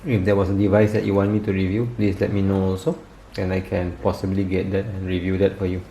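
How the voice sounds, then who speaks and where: Guy showing off his bread maker at home, lowish mellow voice, lots of ums, echoey kitchen with a faint hum behind. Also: fast. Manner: relaxed, chatty, with many fillers. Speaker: home cook reviewing kitchen gadgets. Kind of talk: casual demo vlog.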